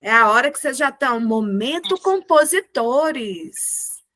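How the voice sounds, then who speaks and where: A woman teaching a group music lesson over a video call, encouraging the class and chanting words slowly in rhythm. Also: high voice, expressive, fairly bright tone, a little hiss or hum.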